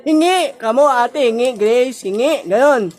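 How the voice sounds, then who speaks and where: A woman's voice: high voice, unhurried. A young woman filming her pet at home, teasing it in playful baby talk and laughing often. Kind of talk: playful home video narration.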